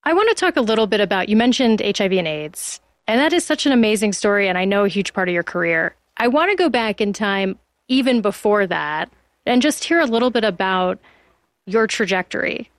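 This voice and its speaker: A woman's voice: medium pitch, expressive, a little fast, dry recording. A woman interviewer with a mid-range voice asks direct, probing questions. Her voice is recorded close and dry.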